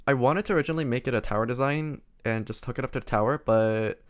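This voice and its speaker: A man streaming games, chatting casually in a quiet, low-energy way as his voice starts to go hoarse. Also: quick pace. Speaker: game streamer.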